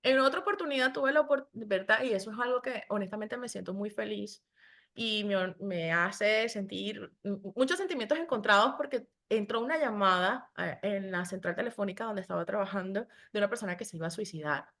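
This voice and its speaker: Woman, podcast guest, lively storyteller, mimics callers, conversational. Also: medium pitch, brisk. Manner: animated storyteller who acts out callers' voices. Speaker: guest, telemarketing agent.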